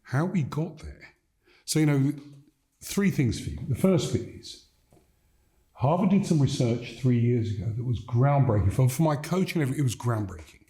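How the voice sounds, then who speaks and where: An older Gambian man, a leadership coach, is a guest in a reflective interview, speaking in a measured, emphatic way and stacking points in repeated phrases. His mid-range voice is expressive, mellow and warm.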